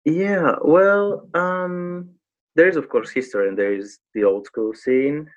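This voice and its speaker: This is a Greek man in his thirties, a native Greek speaker with a Greek accent, appearing as an interview guest who works as a graffiti artist. He chats casually, often pausing to search for words, and his voice is a little high on lo-fi audio.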